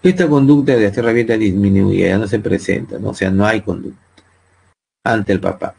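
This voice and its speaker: A man with a Peruvian Spanish accent lectures his psychology students in a low, gravelly voice with a husky edge. He explains patiently and keeps checking in with tag questions to see whether the class is following. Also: fairly quick, darkish tone. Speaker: psychology teacher.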